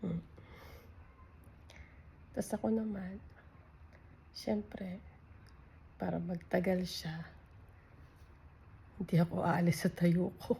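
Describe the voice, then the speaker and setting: A woman chats in a slow, unhurried way at home, her voice dark and gravelly. She keeps her talk hushed and slips into half-whispers. She laughs often. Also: on the low side, little pitch movement, slight background noise. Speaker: vlogger. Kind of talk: casual vlog chat.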